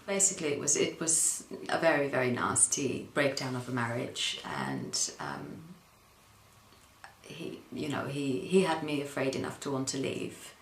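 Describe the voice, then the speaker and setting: Speaking as an interview guest, a Dutch woman shares a personal account, hesitating often with pauses and ums. Her voice is a rumbling low and expressive, and the echoey room carries slight background noise.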